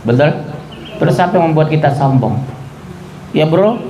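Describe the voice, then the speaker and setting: Lively joking male preacher. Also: normal speed, a little hiss or hum, rough recording. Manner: lively, joking, acts out quotes in soft or high voices. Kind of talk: sermon.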